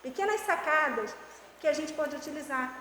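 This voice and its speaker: A woman educational psychologist from Brazil chatting and giving teachers lively tips with everyday examples. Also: high-pitched, moderate pace. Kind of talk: casual explanatory chat. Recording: echoey room with faint noise.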